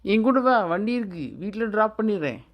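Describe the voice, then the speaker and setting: A woman's voice: mid-range voice, animated, a little fast, lo-fi sound, close to an everyday voice. A woman voicing a short, cocky male street thug in a cartoon, taunting and swaggering. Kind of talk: cartoon voice acting.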